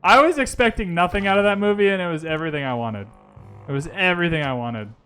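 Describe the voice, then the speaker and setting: Fast and animated, a Vancouver-based streamer thinks his strategy-game moves aloud in a loose, chatty style, sometimes stopping to answer his audience. His voice is bright, forceful, a little high, and clean in tone, typical of casual gaming commentary.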